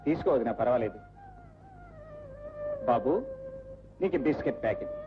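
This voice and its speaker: A young actor playing an earnest, firm son in an old film. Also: male voice, medium pitch, expressive, moderate pace, background noise, close to an everyday voice. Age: young adult. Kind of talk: Telugu film dialogue. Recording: dull old film soundtrack with music.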